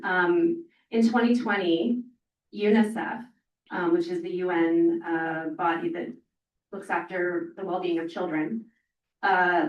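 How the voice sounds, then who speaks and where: A woman with a lowish voice, heard through dull audio from far off in an echoey room, speaks in a panel discussion as a parent organizer. She is earnest, rambling, and audibly emotional, with many fillers.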